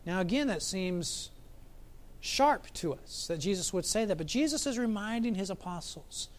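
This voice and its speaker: A man preaching a sermon as pastor, reflective, asking his listeners questions and slowing down for emphasis. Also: high voice, expressive. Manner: reflective, asks the congregation questions, varies pace for emphasis.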